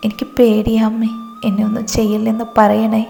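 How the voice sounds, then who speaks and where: A woman's voice: a little high, completely flat delivery, a little fast, gravelly, mellow. A frightened young woman, as a woman narrator voices her. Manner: fearful, pleading. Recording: reverberant with background music.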